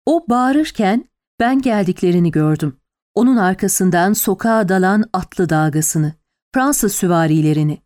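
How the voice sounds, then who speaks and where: Female audiobook narrator, mid-pitched voice, measured storytelling delivery. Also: animated, darkish tone. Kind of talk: scripted narration.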